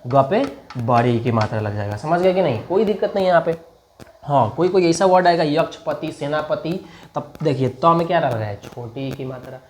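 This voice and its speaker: A man teaching a spoken lesson, chatty, often checking whether learners follow and repeating example words slowly to show their sounds. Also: a little high, a little mellow, a little hiss or hum. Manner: chatty, keeps asking learners if they understand. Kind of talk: spoken Hindi writing lesson.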